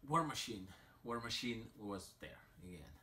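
A man with an Italian accent, a little tipsy, rambling slowly with sighs and fillers as he opens crystals in a mobile game. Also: fairly low pitch, animated, sharp tone. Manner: slow, sighing, rambling with many fillers. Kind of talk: casual commentary while opening game crystals.

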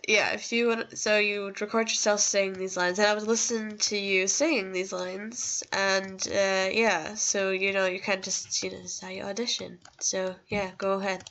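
A young woman who makes gaming videos chats casually over gameplay, rambling and being self-deprecating yet reassuring, recorded on a home computer microphone. Her voice is medium-pitched and a bit bright.

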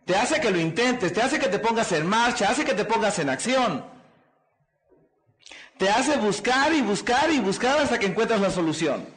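A man's voice: sits high, big pitch swings, moderate pace, fairly bright tone. A man speaking as a motivational speaker at a seminar, preaching in repeated rousing phrases and prompting the audience with questions. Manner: preachy call-and-response, asks the crowd "¿qué?" and "¿verdad?"; repetitive rousing delivery.

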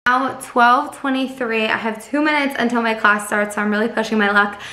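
A woman's voice: on the high side, fairly even intonation, a little fast, bright, forceful tone. Chatty young woman vlogging at home. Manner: chatty and upbeat, filler "like" often. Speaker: vlogger and student teacher. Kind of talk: casual vlog talk to camera.

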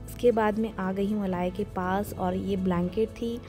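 Young Indian homemaker mom, vlog voice-over, warm and even-toned, chatty with viewers. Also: female voice, mid-range voice, moderate pace, faint music behind. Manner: chatty, homely, talks straight to viewers. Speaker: vlogger, homemaker mother. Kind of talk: casual voice-over vlog narration.

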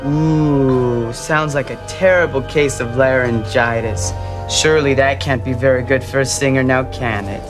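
Smug, unhurried teen villain. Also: male voice, sits low, lively intonation, over music. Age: young adult. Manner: sneering mock politeness. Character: smug, scheming teenage boy villain.

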